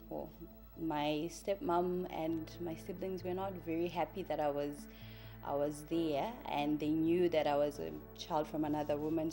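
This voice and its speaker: This church member, a native Shona speaker in her early thirties with a Zimbabwean accent, recounts her life in a hesitant, reflective way. Her voice is low-pitched and dark in tone, and music plays in the background.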